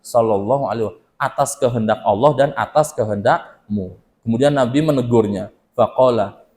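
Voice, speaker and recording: A male preacher teaching scripture to a women's study group, asking rhetorical questions and answering them himself, repeating key points. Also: a little high. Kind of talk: religious lecture on scripture.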